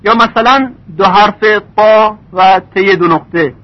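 A man teaching recitation rules in a lesson, stretching out example words slowly. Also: sits high. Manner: slow drawn-out example words. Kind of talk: tajweed lesson. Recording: dull lo-fi recording.

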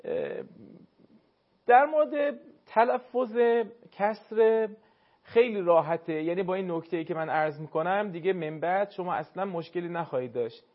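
A man teaching Quran recitation to a caller, courteous and explanatory, sounding words out slowly to demonstrate. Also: high-pitched, dull audio. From northern Iran. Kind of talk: call-in recitation lesson.

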